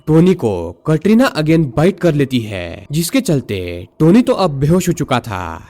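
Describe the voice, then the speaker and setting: A man narrates a film's plot with a slightly high voice that rises and falls a lot. His delivery is animated storytelling, peppered with English words. He sounds like a channel host walking viewers through a movie. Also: measured pace. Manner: lively storytelling, mixing English words into Hindi.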